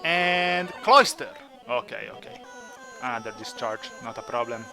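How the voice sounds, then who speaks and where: A man's voice: mid-range voice, animated, measured pace, creaky, pushed and bright, faint music behind. A man hosting a gaming video with casual, playful commentary, teasing the characters as he plays. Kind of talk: casual Let's Play commentary.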